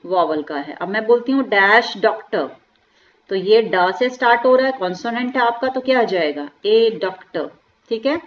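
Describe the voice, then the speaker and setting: A woman teaching English grammar in a lecture, asking rhetorical questions and slowly spelling out words. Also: fairly high pitch, dull audio. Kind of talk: classroom lecture explaining grammar.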